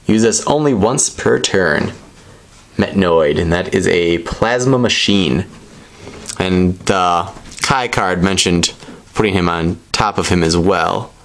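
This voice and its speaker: Male hobby vlogger, low voice, casual off-the-cuff show-and-tell, rambling and a bit unsure. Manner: rambling, tentative explaining. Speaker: presenter opening trading card packs.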